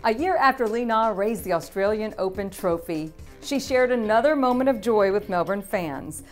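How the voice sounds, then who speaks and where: A woman narrates a sports news roundup in a polished, upbeat scripted read. Her voice sits at a middle pitch and she drops in the odd light quip. Soft music runs quietly behind her. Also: animated, moderate pace. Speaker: news presenter.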